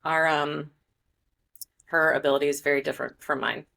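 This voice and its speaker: A woman's voice: low voice, level tone, moderate pace, creaky, pushed and bright. A woman guest on a podcast, an author, chatting casually with frequent laughs and fillers.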